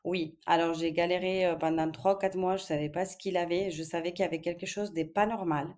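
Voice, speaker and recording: A woman's voice: lowish voice, steady tone, a little fast, darkish tone. A woman from Spain in her thirties, speaking as a podcast guest in a casual interview, with frequent hesitations and fillers. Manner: hesitant, many fillers, thoughtful.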